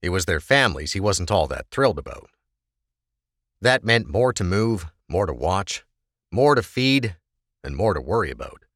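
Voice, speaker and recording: A man's voice: low voice, a bit bright, no room sound. A man narrating an audiobook with a dramatic, varied delivery on a close microphone.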